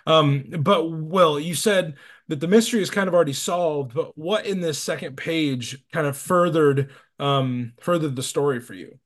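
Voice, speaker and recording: Male podcast host, a touch higher voice, leads with questions, chatty. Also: normal speed. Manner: leads the talk with questions to his guests, animated. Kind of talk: casual podcast discussion.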